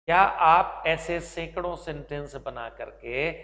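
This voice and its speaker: A man from Rajasthan with a Marwari accent teaches an English class emphatically, calling his students like his own children. His high, bright voice has a gravelly edge. The sound rings out with a long echo from the room. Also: takes it slowly. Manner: emphatic, calls students "beta". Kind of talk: classroom lecture.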